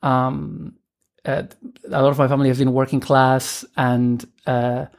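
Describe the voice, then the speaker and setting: A woman's voice: rumbling low, flat delivery, unhurried, a little mellow. A woman in her thirties from Argentina, a podcast guest talking casually and hesitantly, with many fillers and restarts. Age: 30s. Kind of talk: casual conversational interview.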